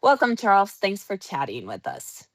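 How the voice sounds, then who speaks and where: A woman's voice: medium pitch, huge pitch swings, normal speed, no room sound. A woman hosting a podcast, reading a polished, upbeat introduction and then interviewing her guest. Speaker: podcast host.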